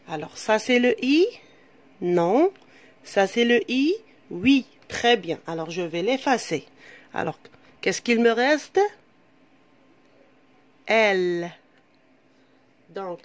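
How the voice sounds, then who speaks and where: A woman teaching a reading lesson to young children, patient and repetitive, asking questions as she goes, with an Algerian French accent. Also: fairly high pitch. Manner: slow, patient, repeats and asks questions to pupils. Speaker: primary school teacher.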